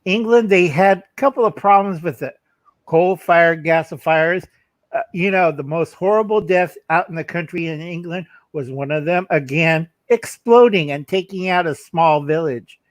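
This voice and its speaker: Man, folksy blunt talker, slightly high voice, dry sound. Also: moderate pace, no echo. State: coughing. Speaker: livestream co-host. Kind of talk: casual livestream chat.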